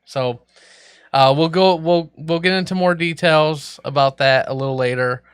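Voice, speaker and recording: A man's voice: fairly high pitch, moderate pace, clean tone, no room sound, studio quality. A man hosting a podcast with casual, profanity-laced banter. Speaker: podcast host.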